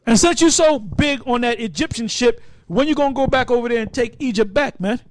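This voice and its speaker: A man's voice: very high voice, lively intonation, a little fast. A man speaking from away from the mic, mocking his critics in an angry, profane way.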